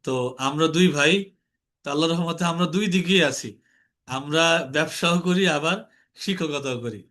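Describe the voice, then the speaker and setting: A man's voice: fairly high pitch, normal speed, a bit bright. A young adult man, teaching an online class in an earnest, repetitive way and calling on students for answers. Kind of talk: informal teaching lecture. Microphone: online class call.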